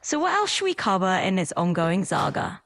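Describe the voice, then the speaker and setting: A woman's voice: mid-range voice, very animated, a little fast, noisy background. A woman's voice, an AI assistant, answering in an upbeat, agreeable, eager-to-please way with frequent light laughs. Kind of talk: chatty conversational replies.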